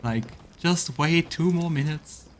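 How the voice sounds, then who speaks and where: Speaking slowly in a slightly high voice, a man streams a let's play, offering casual commentary and reading dialogue aloud. He's on a close mic, with game music in the background.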